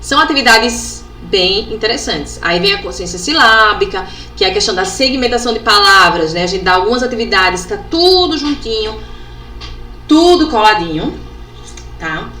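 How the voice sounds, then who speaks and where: Bright-voiced woman teaching. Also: medium pitch, lively intonation. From Brazil. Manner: demonstrative, sounds out letters and syllables slowly, frequent tag questions. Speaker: educational psychologist teaching a workshop. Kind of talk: instructional workshop talk. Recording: echoey room with faint background noise.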